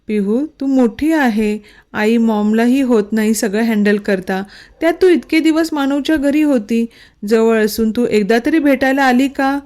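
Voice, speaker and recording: A woman reading a storybook, voicing a young husband who talks calmly and patiently, gently scolding and loving. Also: a little high, a little slow, close to an everyday voice.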